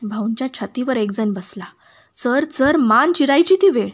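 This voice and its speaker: A woman reading a children's story aloud with dramatic expression, dropping to hushed whispers in tense parts. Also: on the high side, expressive, measured pace. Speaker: storybook reader.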